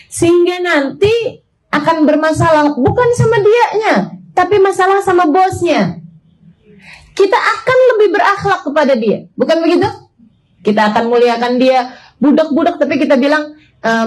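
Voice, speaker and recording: A woman in her forties from Indonesia gives a sermon with a high, light voice. She talks to her listeners as sisters, using everyday workplace examples and casual asides. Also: darkish tone, rough recording. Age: 40s. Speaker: Islamic preacher.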